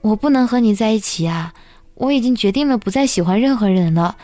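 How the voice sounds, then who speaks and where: A woman's voice: mid-range voice, lively intonation, a little fast, dark tone, no echo, soft background music, close to an everyday voice. A woman voicing a heartbroken, guarded male bear who talks in a wary, bitter way. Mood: tender.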